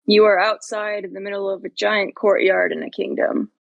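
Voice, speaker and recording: Gravelly-voiced woman game master. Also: mid-range voice, level tone, lo-fi sound. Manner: descriptive, measured storytelling. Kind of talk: tabletop game narration.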